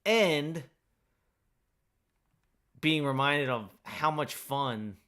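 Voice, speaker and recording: A man's voice: on the high side, lively intonation, drawn-out words, fairly bright tone. A man streaming a game, talking in a rambling, casual way and interrupting himself while eating lunch, without his usual mic. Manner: rambling, self-interrupting, chatty. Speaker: gaming streamer. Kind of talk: casual live-stream chat while playing. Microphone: not using his usual mic.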